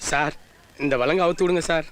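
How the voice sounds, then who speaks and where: A man's voice: a little high, fairly even intonation, a little fast, background noise, lightly acted. An actor playing a young arrested thief who pleads tearfully to see his mother. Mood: pleading. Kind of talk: comic film dialogue.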